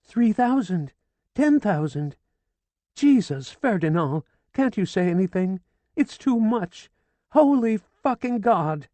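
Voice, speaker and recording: Taking it slowly with a warm, expressive tone, a reader portrays a frantic older woman in mourning, pleading hysterically and close to screaming. It's an audiobook character voice recorded without echo.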